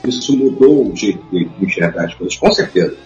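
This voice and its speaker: A man in casual conversation, talking in bursts of excited storytelling and laughing between memories. His voice carries a roomy echo, the sound is a little muffled, and faint music plays underneath. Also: on the low side, a little fast. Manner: animated storyteller, laughs often. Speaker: guest. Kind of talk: casual chat.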